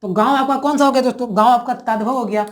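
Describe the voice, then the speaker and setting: A woman's voice: a little high, quick pace. A woman teaching a grammar lesson, who repeats each word and keeps asking her viewers questions.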